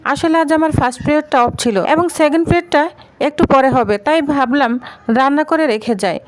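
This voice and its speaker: A woman voicing a bold young daughter-in-law who answers back with calm, cutting retorts. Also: sits high, fast talker, natural voice. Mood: cool, defiant.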